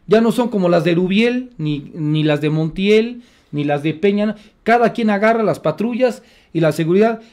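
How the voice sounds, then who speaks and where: A man's voice: sits high, expressive, normal speed, darkish tone. A man with a Mexican accent, giving sarcastic, indignant opinion commentary as a radio host.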